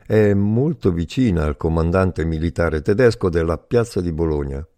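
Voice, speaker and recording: A man voicing a male Italian interpreter who works for the occupiers, a family man speaking calmly with a faint note of irony. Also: deep voice, normal speed, no echo, studio quality. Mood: matter-of-fact. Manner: calm, faintly ironic, matter-of-fact.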